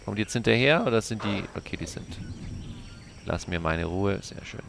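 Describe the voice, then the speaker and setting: A man's voice: lowish voice, expressive, normal speed, gravelly, noisy background. A man commentating his own video game play, chatting to himself and his viewers with frequent exclamations and curses. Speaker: gaming YouTuber.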